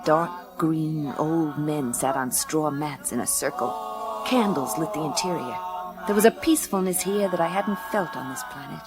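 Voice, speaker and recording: Over background music, a woman narrates drily in a low-pitched, natural voice at a moderate pace. She's an actress in a radio play, cast as a blunt, slangy, wisecracking woman detective telling her own case.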